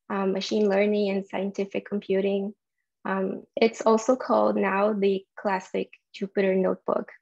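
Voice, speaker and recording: A woman's voice: mid-range voice, creaky, darkish tone, lo-fi sound. A young woman from Brazil with a Brazilian Portuguese accent, presenting a tech talk and explaining things with frequent ums and uhs. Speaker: software developer giving a conference talk.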